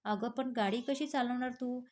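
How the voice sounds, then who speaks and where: A woman's voice: a little high, steady tone, moderate pace, a little mellow, natural voice. A woman voicing a young man who teases a colleague and then scolds her out of concern. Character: young man, teasing but caring colleague.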